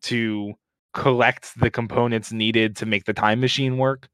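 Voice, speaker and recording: Young man, frat-bro slang and swearing, casual chat, mid-pitched, very little room sound. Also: steady tone, unhurried, fairly bright tone, clean tone, no echo. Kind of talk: casual group chat about games and anime.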